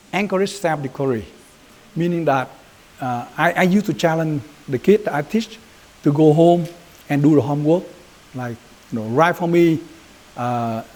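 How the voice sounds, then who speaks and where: A man's voice: a little high, darkish tone. A man with a Vietnamese accent giving an informal training lecture as a Buddhist youth leader, talking loosely and often checking in with "right?". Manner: loose and conversational, mixing in Vietnamese phrases, frequent "right?" check-ins.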